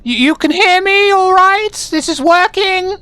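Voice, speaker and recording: A woman playing a doting, excitable old grandmother vampire hostess in a tabletop game, effusive and fussing, often repeating her words. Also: sits high, unhurried, dry recording, heavily acted. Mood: loud, confused.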